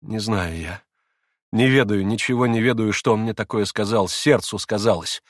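A man voicing a proud, wild young woman who speaks in impassioned, shrill outbursts. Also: normal speed, no room sound, clean studio sound, close to an everyday voice. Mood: tender.

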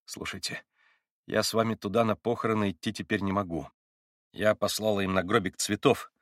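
A man reading the part of a passionate, proud young woman, raising his voice higher and speaking with a trembling emphasis. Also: steady tone, fairly quick, a bit bright, dry recording, studio quality, close to an everyday voice. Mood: agitated.

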